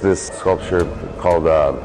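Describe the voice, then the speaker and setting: A man speaking haltingly and reflectively as an artist explaining his own work, unscripted. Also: sits low, fairly even intonation, over music. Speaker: artist, sculptor. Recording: reverberant hall, faint ambient noise.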